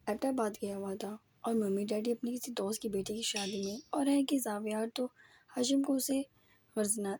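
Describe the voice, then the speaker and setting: Woman reading a romance novel, warm husky voice, kinda high. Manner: steady storytelling delivery. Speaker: audio novel narrator.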